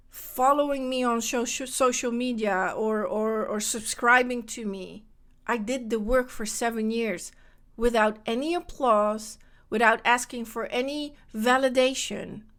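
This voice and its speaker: This podcast host is a woman from the Netherlands, a native Dutch speaker, with a high voice. She delivers a lively, casual monologue on spiritual topics, repeating phrases to drive her points home.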